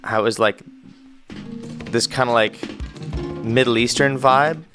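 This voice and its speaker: A man's voice: mid-range voice, fairly even intonation, unhurried, music in the background. A Canadian man, a musician, giving enthusiastic, rambling casual commentary as he reacts to an album.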